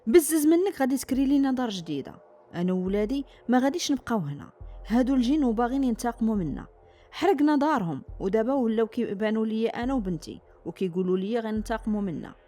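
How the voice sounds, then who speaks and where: A frightened, defiant mother from a spoken storybook tale, put on by a woman narrator. She speaks with a Moroccan accent, pleading and insisting. Her delivery is quick, and the tone is mellow and dark. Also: lowish voice, expressive, husky, soft background music. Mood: frightened, insistent. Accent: Moroccan Arabic.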